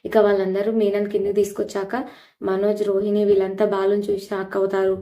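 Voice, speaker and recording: A woman's voice: mid-range voice, monotone, fast talker, mellow. A woman retelling a TV serial episode in a plain storytelling way, with many filler phrases. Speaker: serial recap narrator.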